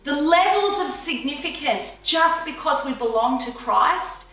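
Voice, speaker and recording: Woman preaching, a bit high, lots of echo, far from mic. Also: lively intonation, unhurried, fairly bright tone. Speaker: pastor's wife co-preaching. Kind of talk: sermon. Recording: echoey room, voice from far off.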